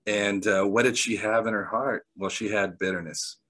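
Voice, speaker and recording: A man preaching a sermon, telling stories with bursts of excitement, laughter and quieter asides. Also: fairly low pitch, moderate pace, rough recording. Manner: animated storyteller, laughs often, jumps between loud excitement and quiet asides.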